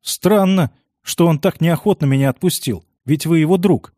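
A man's voice: fairly high pitch, moderate pace, warm tone, no echo, clean studio sound, pitched above the performer's own voice, lightly acted. A man reading the part of an eager, somewhat hesitant young man. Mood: earnest.

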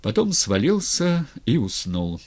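Slow, expressive male story narrator. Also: medium pitch. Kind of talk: literary audiobook narration.

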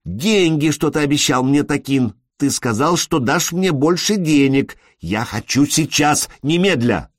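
Brief: man playing a screeching, threatening young woman, high and piercing, dry close audiobook sound. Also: animated, unhurried, hardly any pauses, no room sound. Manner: shrieking, high and insistent. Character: shrill demanding young local woman, hysterical.

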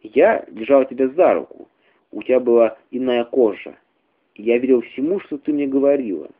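A man's voice: medium pitch, moderate pace, lightly acted. A man reading a gloomy, suspicious young man. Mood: brooding. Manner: brooding, moody. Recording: tinny phone-like radio recording.

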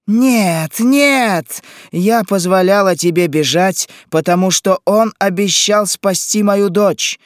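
A man's voice: fairly high pitch, animated, slow pace, slightly rough, no room sound, clean studio sound, heavily acted. A man reading an audiobook, voicing a frantic grieving old mother who shrieks and accuses. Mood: furious. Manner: shrieking, accusing, sobbing outbursts. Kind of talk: audiobook character voice.

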